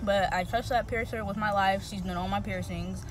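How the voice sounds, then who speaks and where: A woman's voice: mid-range voice, fairly even intonation, normal speed, over music, low-quality recording. A young woman vlogging in a car, chatting casually and swearing, with a slight lisp from a new tongue piercing. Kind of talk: casual vlog chat.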